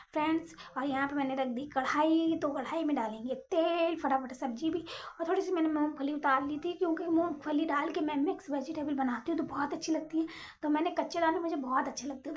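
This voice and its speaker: A young woman talking quickly and chattily in a casual cooking voice-over for her home vlog. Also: high voice, a bit bright, a little hiss or hum. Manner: rapid, chatty, apologizes for talking fast. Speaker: home vlogger.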